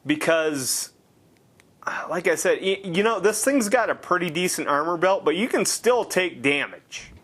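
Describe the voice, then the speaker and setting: A man's voice: sits high, lively intonation, measured pace, a bit bright. A man giving casual gameplay commentary, rambling and sarcastic with heavy swearing.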